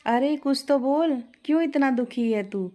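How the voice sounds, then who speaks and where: A woman's voice: sits high, a little slow, dark tone, pitched above the performer's own voice. A woman voicing a cheerful young bride who talks fondly and coaxingly to her pet parrot. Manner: affectionate, coaxing.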